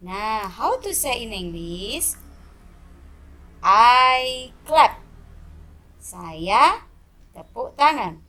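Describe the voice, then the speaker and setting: A young woman with an Indonesian accent teaching children English words, repeating each word slowly in drills. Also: on the high side, fairly bright tone. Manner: slow, drilled repetition of words. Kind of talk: English vocabulary lesson for children.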